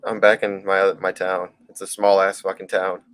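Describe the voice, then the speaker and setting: A man's voice: low voice, level tone, moderate pace, a bit bright, smooth, no room sound. A man from Charleston, South Carolina, co-hosting a fantasy sports show in loose, rambling talk with casual swearing. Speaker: fantasy sports podcast co-host. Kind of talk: casual chat.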